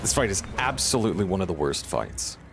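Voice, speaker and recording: Exasperated man gaming, pitch swinging widely. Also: big pitch swings, brisk, over music. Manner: exasperated, profane venting, repeats phrases for emphasis. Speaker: gamer, streamer playing a healer. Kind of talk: live gameplay commentary.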